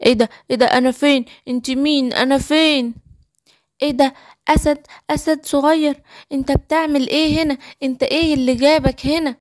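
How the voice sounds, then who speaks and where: A little male lion cub, voiced by a woman, speaks in a high, childlike Egyptian Arabic voice that startles easily. He sounds like a timid cartoon creature from a bedtime storybook. The recording is dry and close. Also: fairly even intonation, fairly quick, no room sound, lightly acted. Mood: confused. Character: small scared young male lion cub.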